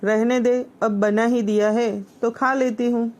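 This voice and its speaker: A woman's voice: on the high side, level tone, unhurried, natural voice. A woman voicing a grumpy older village mother-in-law who nags and scolds sharply. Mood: nagging. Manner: sharp, nagging complaints.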